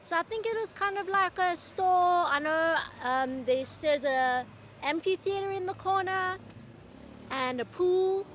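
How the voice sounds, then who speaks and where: A woman's voice: extremely high pitch, measured pace, a bit bright, a little hiss or hum. A woman chatting casually in a travel vlog, upbeat and full of fillers, talking outdoors and later in a car. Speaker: travel vlogger.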